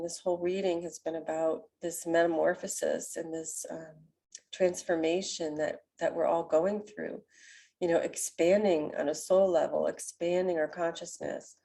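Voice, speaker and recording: Woman, nasal, stuffy with a cold, mellow tone, lowish voice, gentle rambling spiritual talk. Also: fairly even intonation, moderate pace. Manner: gentle, meandering, with many ums. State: sick with a cold. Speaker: oracle card reader. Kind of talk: spiritual card reading to camera.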